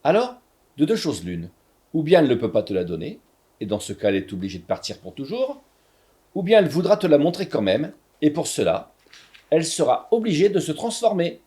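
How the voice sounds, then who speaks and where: A wise shopkeeper from a storybook explains things slowly in a low, patient voice, as a male reader plays him. His pitch stays lively and varied. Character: calm, wise grown man, a shopkeeper. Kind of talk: storybook reading.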